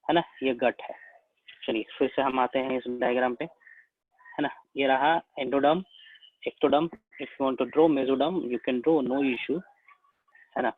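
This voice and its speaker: A man's voice: medium pitch, no echo. A man with an Indian accent giving a biology lecture, explaining step by step and checking in again and again with his students. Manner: slow, repetitive, checks in with "है ना?" again and again. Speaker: biology teacher. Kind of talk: classroom lecture at a whiteboard. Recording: tinny phone-like sound, dry.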